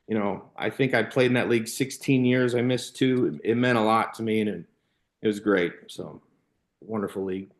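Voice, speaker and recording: Guesting on a podcast, this Illinois man in his thirties—once a baseball player, now a youth coach—tells meandering, casual stories sprinkled with "you know," "like" and "man." His voice is fairly low, at normal speed.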